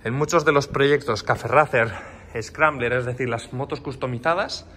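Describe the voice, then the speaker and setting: A man's voice: medium pitch, normal speed, pushed and bright, a little hiss or hum. A man, a custom motorcycle builder, giving a detailed casual walkaround of a bike in an indoor workshop, filmed on a handheld phone. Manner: explanatory, detailed, pointing out parts as he goes. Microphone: handheld phone camera.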